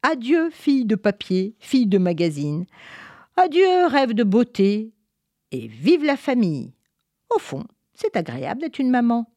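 A woman storyteller reading a children's tale aloud, expressive and playful, with chatty asides to listeners. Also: on the high side, measured pace, no room sound, studio quality.

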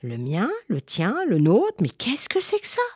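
A woman's voice: fairly low pitch, wildly swooping pitch, unhurried, a little mellow, breathy edge, no room sound, clean studio sound, exaggerated voice. A woman voicing a panicked mother who scolds her children in a storybook tale. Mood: alarmed. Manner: exclamatory, rising questions.

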